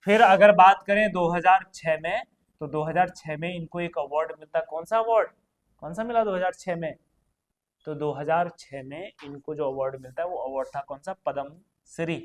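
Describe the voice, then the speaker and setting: High-voiced man drilling exam questions. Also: moderate pace. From Uttarakhand, India. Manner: quizzing, repeats questions and answers; chatty, addresses students directly. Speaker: exam coaching teacher. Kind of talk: exam prep lesson.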